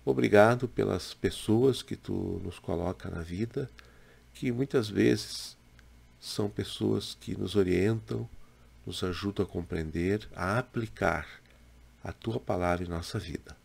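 A man in his sixties from Brazil, a pastor giving a slow, measured daily devotional to a webcam in a small home room. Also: on the low side, creaky, husky. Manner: slow, measured, gentle preaching with pauses. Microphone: webcam in front, head and shoulders.

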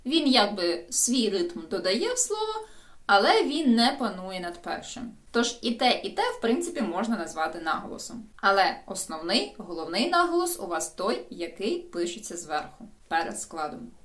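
Lively woman teaching pronunciation. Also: a little high, normal speed. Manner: lively, explanatory, addresses viewers directly. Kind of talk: recorded video lesson.

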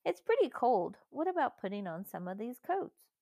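A woman's voice: fairly high pitch, big pitch swings, moderate pace, warm tone, no room sound, voice pushed up. A woman voicing a practical, slightly fussy elder sister in a storybook reading. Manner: fussy, practical, well-spoken. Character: sensible, practical elder girl.

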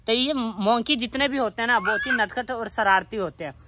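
A vlogger with a pet monkey chats casually and directly to viewers outdoors at home. His very high-pitched voice moves at a moderate pace over background noise, and his talk is plain and repetitive.

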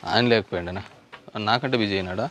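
A man, a politician going door to door, asking brisk questions and reassuring residents out on the street. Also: on the low side. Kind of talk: door-to-door conversation. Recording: crowd noise around. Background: crowd of people.

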